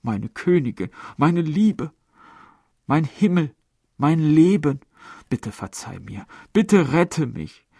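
A man's voice: a little high, big pitch swings, slow pace, vocal fry, warm tone, breathy edge, no echo, studio quality, pitched above the performer's own voice, heavily acted. A man voicing an ardent young male lover who gushes and pleads in theatrical declarations. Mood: pleading. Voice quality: gushing, theatrical.

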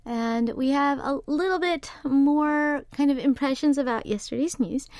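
Speaking a little slowly in a high-pitched voice, a woman DJ chats between songs and reads out messages from listeners. Her American English accent is unusual, and her relaxed, chatty manner is full of fillers. She's captured cleanly on a studio microphone in a radio studio, with no echo.

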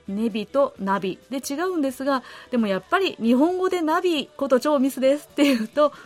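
A woman hosts a radio program from the studio, chatting warmly and gently as she reads out letters from listeners. Her voice sits high, and a faint bed of music plays behind her. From Korea. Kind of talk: casual radio talk.

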